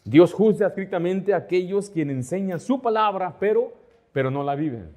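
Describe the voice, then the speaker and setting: A man's voice: high voice, lively intonation, moderate pace, dark tone. A middle-aged man, a pastor, preaching a sermon, asking his listeners rhetorical questions and acting out the dialogue in his stories. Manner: asks the congregation rhetorical questions; acts out dialogue within anecdotes.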